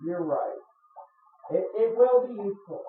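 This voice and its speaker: A man's voice: sits high, expressive, measured pace. A man making dry, sarcastic remarks while commenting on a video game. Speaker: let's play co-host. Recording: tinny, echoey audio with music.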